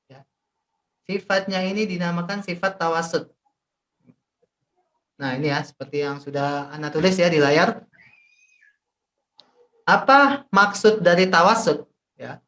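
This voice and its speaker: A man with an Indonesian accent teaching Quran recitation in an online class, explaining slowly with many fillers and repetitions over a video call. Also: high voice, a bit bright.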